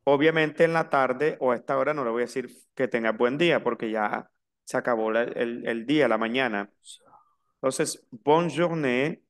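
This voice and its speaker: A man teaching a French lesson in Spanish, slowly spelling out and repeating each word. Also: medium pitch. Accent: Latin American Spanish. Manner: slow, spelled-out pronunciation drills. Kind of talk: online language lesson.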